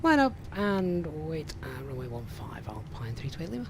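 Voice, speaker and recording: A man flying an airliner simulator live, giving brisk procedural cockpit callouts and commentary. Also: on the high side, very animated, noisy background.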